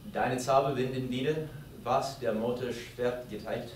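A man's voice: medium pitch, fairly even intonation, slight background noise. Guy reading verse out carefully at a talk, trips a bit, sounds distant and echoey. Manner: careful, measured reading with small slips. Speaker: volunteer reader in the audience. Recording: echoey hall, mic far off.

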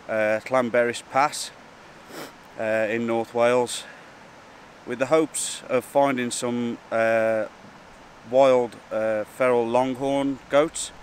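A man chats to his camera in an informal, halting way. His voice sits at a medium pitch. He is outdoors on a breezy hillside beside rushing water, with faint wind and water noise around him. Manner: informal, hesitant and chatty. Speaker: wildlife photography vlogger. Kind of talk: casual vlog to camera.

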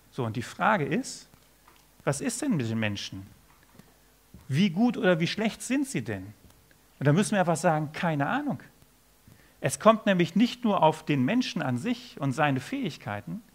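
A man in his forties giving a keynote talk on a conference stage, telling stories and acting out quoted dialogue. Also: a little high. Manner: animated storytelling, acts out quoted dialogue. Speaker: keynote speaker.

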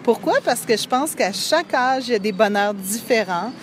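A woman calmly and reflectively answering a street interview question. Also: a little high, moderate pace. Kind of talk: street vox pop answer. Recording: background street noise.

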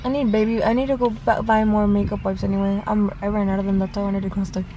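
A woman's voice: medium pitch, level tone, quick pace, warm tone, highs cut off, a little hiss or hum. A young woman in a casual couple vlog, playfully indignant and bantering, often saying "dude" and "bogus". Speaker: vlogger, girlfriend.

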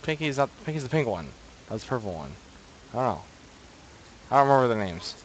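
Here a man's sing-song, mid-range voice races along as he commentates a horror game on stream, with a little hiss or hum behind him. Easily startled, he curses nonstop and begs someone else to take the controls.

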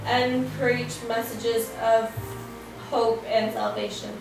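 A woman's voice: a little high, little pitch movement, drawn-out words, creaky. A young woman interpreting a sermon line by line, hesitant, with fillers and restarts. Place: living room set with framed pictures. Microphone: far camera. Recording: echoey room from far off, faint music.

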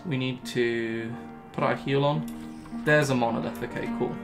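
Young male gaming host, mid-pitched, rambling thinking-aloud commentary, faint music bed. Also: steady tone, normal speed. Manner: chatty, thinks aloud, repeats himself when panicking. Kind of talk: live gameplay commentary.

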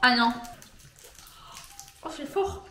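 A woman's voice: high-pitched, animated, slow pace. A woman chatting casually during a food tasting, chewing while she talks. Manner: chatty, reacting to flavours. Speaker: daughter of the host, co-taster. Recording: echoey room, noisy background.

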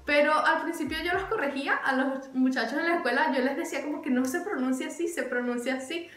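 A woman's voice: sits high, fast talker, fairly bright tone, faint music behind. A young woman chatting animatedly as a vlogger, repeating words for emphasis. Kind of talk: casual chatty explainer. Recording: echoey room.

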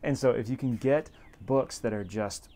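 A man's voice: mid-range voice, normal speed, dark tone, slight background noise. A young man talking casually to camera about a book, rambling with lots of fillers and acted-out quotes of his own thoughts. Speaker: book vlogger. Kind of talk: casual talking-head vlog.

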